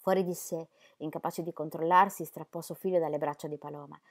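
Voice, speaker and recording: A woman narrates a novel in a measured, expressive audiobook delivery. Her voice sits slightly low, with an even, unhurried pace. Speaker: audiobook reader.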